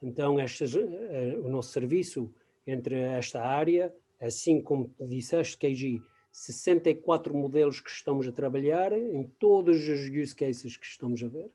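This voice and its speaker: A hesitant man with a mellow, mid-range voice presents as a guest expert in a conversational-style webinar. His Portuguese is non-native and mixed with English terms, and he often pauses to find his words.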